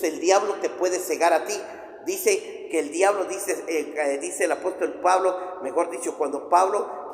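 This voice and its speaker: Emphatic male preacher with a raised pitch, recorded in a church hall with long reverb. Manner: emphatic, repetitive lists, rhetorical questions. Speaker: pastor. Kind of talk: sermon.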